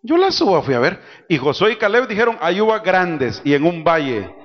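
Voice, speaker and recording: A man preaching a sermon, calling out to his congregation and swinging between loud cries and soft asides. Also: high-pitched, very animated, normal speed. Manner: preaching with call-and-response to the congregation. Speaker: pastor. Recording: dull lo-fi church recording with music.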